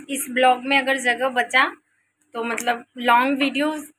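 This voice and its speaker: A young adult woman talks in a casual home vlog, her voice high and sharply bright. She coaxes her baby in a sing-song tone and then chats on in an easy, rambling way with her viewers. A faint hiss of noise sits under the recording. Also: steady tone, measured pace. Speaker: vlogger and mother.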